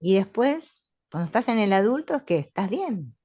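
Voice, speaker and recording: A middle-aged woman with a Rioplatense Spanish accent, calmly and confidently teaching a spiritual therapy class, often asking "right?". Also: mid-range voice, moderate pace, slightly rough, dry recording. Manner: calm, assured, with frequent tag questions. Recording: dull, lo-fi sound.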